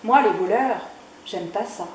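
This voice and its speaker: A woman reading as a talking river from a children's storybook, steady and protective, speaking slowly. The voice sits in a very echoey room with faint ambience. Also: medium pitch, slight background noise, lightly acted. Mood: matter-of-fact.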